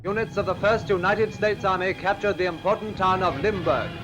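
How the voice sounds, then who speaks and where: A man's voice: high voice, fairly quick. A man announcing in an old wartime newsreel, declaiming emphatically. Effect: old newsreel narration. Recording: dull distant old newsreel audio with music.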